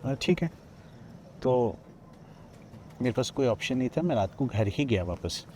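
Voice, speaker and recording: A man's voice: medium pitch, animated, unhurried, mellow, a little hiss or hum. A man from Odisha, a podcast guest, retelling a personal ghost story with many quoted lines of dialogue, recorded outdoors at a riverside ghat. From Odisha, India.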